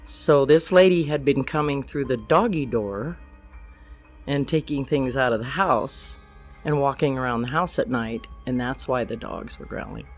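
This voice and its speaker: A woman's voice: a bass voice, moderate pace, soft background music. An older woman, a grandmother, telling a true story as a podcast guest, plainly acting out the quoted lines.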